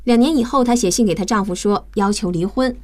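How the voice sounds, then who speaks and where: A woman with a mid-range voice presents a radio English lesson at a fairly quick pace, acting as both teacher and host. Step by step she explains vocabulary, spelling words out letter by letter.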